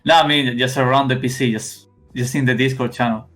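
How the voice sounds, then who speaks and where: A young man from Spain with a thick Spanish accent, a guest in a casual interview, talking haltingly with many restarts and fillers. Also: medium pitch, steady tone, a bit bright, faint music behind. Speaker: esports player guest.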